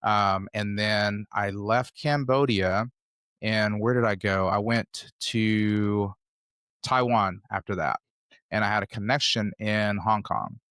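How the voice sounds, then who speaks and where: A man from the United States in his fifties, speaking as a podcast guest with a fairly low voice. He tells his story in a loose, rambling, conversational way. The sound is dry and close, with little room reflection. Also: slow, a bit bright, clean tone, dry recording. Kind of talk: casual interview storytelling.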